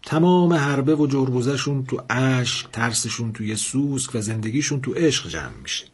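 A man narrating a short story in a measured, expressive reading. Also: mid-range voice, slightly rough.

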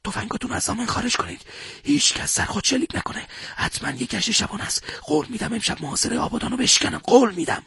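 A man voicing a calm, husky wartime commander. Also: very high voice, no room sound, voice pushed up, exaggerated voice. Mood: urgent. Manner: quiet, steady orders under pressure. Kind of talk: audiobook character voice.

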